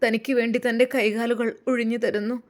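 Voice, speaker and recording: A woman's voice: on the high side, flat delivery, fairly quick. A woman narrating an emotional family story in an earnest, dramatic way.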